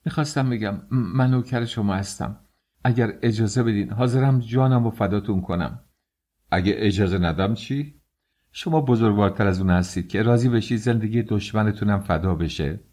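A man reading an audiobook, voicing a timid, flattering middle-aged innkeeper in a low voice. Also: lightly acted. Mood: fawning. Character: nervous fawning male innkeeper, middle-aged.

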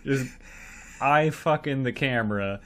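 A man's voice: medium pitch, measured pace, very noisy. A man co-hosting a casual movie review podcast, swearing, laughing and acting out scenes. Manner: animated, laughing, profane, acts out scenes. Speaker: podcast co-host.

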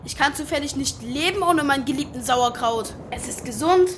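Commanding, easily outraged sea captain for audio drama, female actor, high voice, theatrical delivery. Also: fairly quick, a little hiss or hum, close to an everyday voice. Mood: angry, threatening. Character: indignant male pirate captain, bossy, sauerkraut-obsessed.

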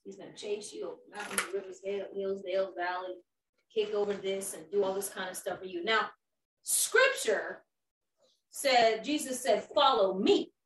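A woman with a mid-range, fairly bright voice speaks at normal speed as she leads an informal youth group talk. She preaches emphatically and puts questions to the small group around a table indoors. The roomy recording has a distant mic and faint background noise.

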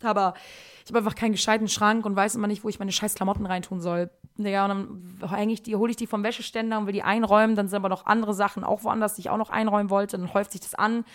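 A woman's voice: mid-range voice, fairly even intonation, fast. A young woman in her twenties hosting a casual solo podcast from her kitchen, rambling in slangy speech and dropping "Digga" all the time. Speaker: podcast host. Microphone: podcast microphone.

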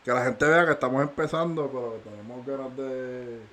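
A man co-hosts a podcast at an ordinary middle pitch. He rambles, swears freely, and laughs between lines. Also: brisk, a bit bright. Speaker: podcast co-host. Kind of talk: casual banter.

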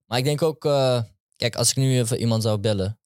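A man's voice: medium pitch, a little fast, darkish tone, smooth, no room sound, studio quality. A young man co-hosting, explaining his views earnestly and stumbling over his words. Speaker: co-host. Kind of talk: casual chat.

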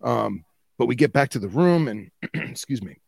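A man's voice: medium pitch, animated, normal speed, vocal fry, a little mellow, slightly rough, no room sound. A man co-hosting a podcast, telling anecdotes and chatting in a teasing, colloquial way. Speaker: podcast co-host. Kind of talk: casual chat and anecdote.

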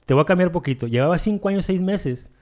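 A man's voice: high voice, lively intonation, darkish tone. Guy sharing his recovery story, stops and restarts a lot, acts out the voices. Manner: halting, repeats phrases, acts out dialogue in his story. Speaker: guest sharing a recovery testimony. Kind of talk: emotional personal storytelling.

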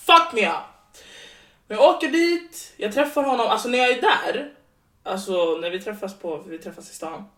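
A young woman co-hosting a podcast tells a story with animation, her fairly high, expressive voice moving between Swedish and English. It's a casual storytelling chat, recorded with a distant mic in a roomy space.

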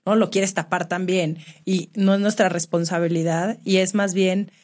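A woman's voice: on the low side, steady tone, normal speed, darkish tone. A woman hosting an interview, asking questions and laughing easily. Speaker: host. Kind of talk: interview chat.

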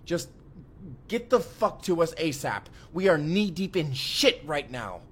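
In an immersive first-person audio drama, an actor plays a desperate, foul-mouthed young man on the run, sounding urgent and exasperated. His voice is on the high side with big pitch swings and an unhurried pace, over slight background noise.

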